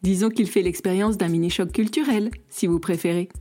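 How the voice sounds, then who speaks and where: A woman hosting her own podcast, introducing stories she has written. She speaks in a calm, measured way. Her tone is mellow and darker than most. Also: medium pitch. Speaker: podcast host and author. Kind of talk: podcast story reading.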